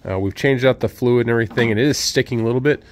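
A man's voice: mid-range voice, very fast. Man, everyday mid-range voice, hands-on how-to, outdoor sawmill, handheld camera, faint hiss behind. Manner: relaxed, explains step by step with fillers. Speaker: sawmill owner showing a repair. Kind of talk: casual how-to demonstration. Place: outdoors at a sawmill under an open shed.

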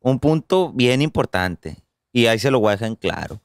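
A man's voice: medium pitch, big pitch swings, normal speed, dry recording, clean studio sound. A young man with a Mexican accent, co-hosting a casual, crude podcast chat, full of slang and swearing as he hands out advice. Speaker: podcast co-host.

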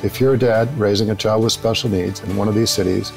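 A man hosting a podcast, reading his intro in a measured, announcer-like way and asking interview questions. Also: on the low side, steady tone, gravelly, darkish tone, faint music behind, poor audio. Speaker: podcast host.

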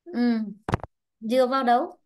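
A woman's voice: fairly high pitch, measured pace, a little hiss or hum. A woman English teacher running an online class, quizzing students by name and explaining grammar rules patiently.

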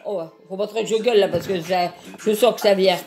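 A woman's voice: medium pitch, steady tone, a little fast, a little mellow, faint music behind. An older woman from France chatting casually while peeling vegetables, earthy and talkative, tagging her sentences with little asides. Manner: earthy, chatty, constant "hein" tag. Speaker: home cooking vlogger.

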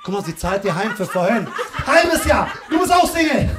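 A male stand-up comedian doing teasing, loud crowd work in a live club, with a slang manner. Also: sits high, big pitch swings, background noise. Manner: teasing, loud, fast banter with slang fillers. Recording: live room with crowd laughter. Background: audience laughter.

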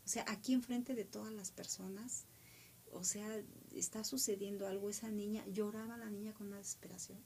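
A middle-aged woman with a Mexican accent telling a story with emotion, now loud, now dropping to a whisper. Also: mid-range voice, normal speed, slight background noise. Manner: animated, drops to whispers.

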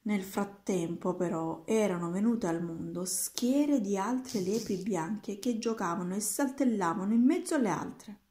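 Mellow woman reading a storybook aloud. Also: mid-range voice, unhurried, hardly any pauses. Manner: steady, gentle storybook reading. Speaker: reader. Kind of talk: reading a children's book aloud. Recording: roomy echoing room.

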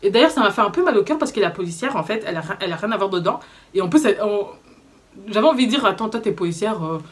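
A young woman with a Belgian French accent, telling a story to camera in casual vlog chat, animated and indignant, with slangy fillers. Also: medium pitch, racing. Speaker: vlogger.

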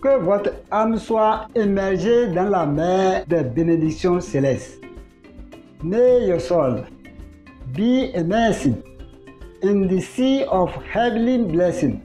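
A program announcer reading a formal scripted broadcast announcement in a measured way. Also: medium pitch, expressive, mellow. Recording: dull lo-fi broadcast audio over music.

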